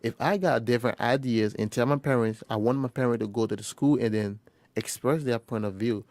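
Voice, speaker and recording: A young man from Liberia, a first-year college student, telling his story in an interview in a halting way, often restarting and quoting conversations. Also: medium pitch, a little mellow, no echo. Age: young adult. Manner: halting, with frequent restarts and quoted dialogue. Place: quiet recording booth.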